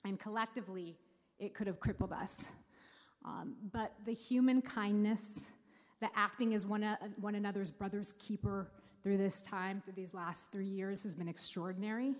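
A woman's voice: mid-range voice, fairly even intonation, a little mellow. Heartfelt woman speaking in a hall. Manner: heartfelt, slow and deliberate, getting emotional. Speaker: speaker introducing the mayor. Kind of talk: prepared speech at a civic celebration. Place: large hall on stage. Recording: long reverb of a large hall.

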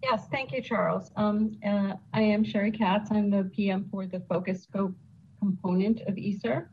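A woman's voice: mid-range voice, fairly even intonation, normal speed, breathy edge. A woman project manager giving a hesitant status report in a meeting, her connection cutting in and out. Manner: hesitant, with many fillers. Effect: bad connection, audio cutting in and out. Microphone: computer mic on a video call. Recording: tinny call audio with faint noise.

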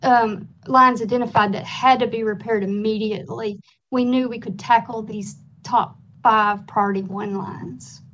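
A woman's voice: on the high side, steady tone, normal speed, few pauses, fairly bright tone, low-quality recording. A woman staff presenter explaining and answering questions at a formal meeting.

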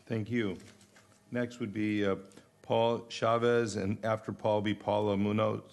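Low gravelly guy running the meeting, flat, a bit off mic. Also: a little slow. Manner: brief procedural announcements. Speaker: meeting chair. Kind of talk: calling speakers at a public hearing.

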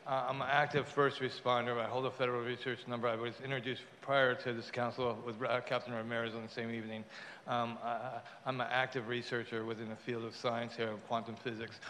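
A man giving a halting, rambling public comment at a council meeting, talking with stitches in his mouth as after dental surgery. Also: medium pitch, little pitch movement, pushed and bright. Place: large indoor council chamber. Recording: echoey council chamber, noisy PA.

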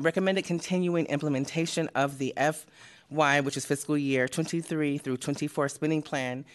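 A committee member, a woman, reads through a presentation at a public meeting while out of breath, halting often with fillers. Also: very deep voice. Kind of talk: reading a presentation.

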